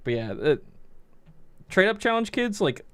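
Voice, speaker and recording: A man's voice: big pitch swings, measured pace, clean tone, dry recording. Casual swearing young man, dry close sound. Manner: candid, swears freely, mimics people in high voices. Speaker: card vendor. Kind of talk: casual chat.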